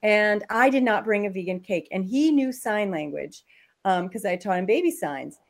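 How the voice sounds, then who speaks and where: A woman guest on a podcast, chatting casually and telling animated stories about her kids. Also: medium pitch, moderate pace. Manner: animated storyteller, acts out voices. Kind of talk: casual chat.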